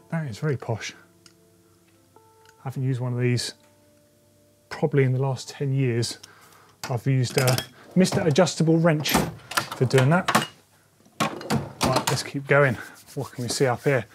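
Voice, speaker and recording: A man in his forties, chatting enthusiastically as he tours a bike workshop and thinks aloud. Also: mid-range voice. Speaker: presenter. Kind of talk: casual workshop tour. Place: indoor bike workshop shed.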